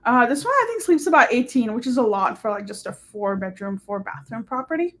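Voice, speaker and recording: A young woman with a fairly high voice and big pitch swings speaks fairly quickly as a guest on a live-streamed interview. Working as a short-term rental host and hotel manager, she chats upbeat and casually, leaning on many "like" and "um" fillers.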